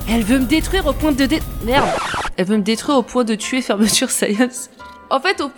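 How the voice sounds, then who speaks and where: A woman dubs a game's heroine, breaking off to joke about her own tongue-twisted lines. Her voice sits fairly high. Game music is clearly audible behind her. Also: moderate pace. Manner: stumbling on words, self-mocking. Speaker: fan dubber playing the heroine. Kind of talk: game fan dub with asides.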